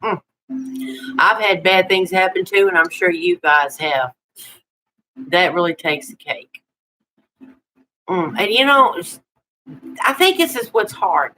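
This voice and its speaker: A sixty-year-old woman with a Tennessee accent hosts a casual live chat in a folksy, homespun way. Her voice is bright and a little low for a woman, with faint noise behind it. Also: animated, slow pace, pauses often, rough recording. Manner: folksy, chatty, with homespun exclamations. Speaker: live stream host.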